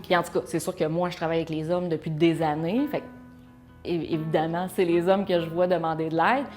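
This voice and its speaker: A woman's voice: deep voice, flat delivery, brisk, a little mellow, faint music behind. A woman who works with men seeking help, answering in a thoughtful, slightly hesitant way. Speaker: support worker for men. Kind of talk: interview answers.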